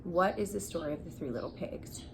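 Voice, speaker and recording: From a couch in her living room, a young adult woman teacher runs a read-aloud lesson, explaining and prompting children with questions. She speaks fairly quickly with a fairly low pitch and lively intonation. A camera a short distance away captures clearly noisy home room sound.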